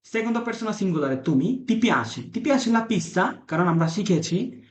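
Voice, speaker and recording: A man's voice: high-pitched, animated, a little fast, reverberant. A man teaching an online Italian class, repeating phrases for his students and asking them questions. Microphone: video call.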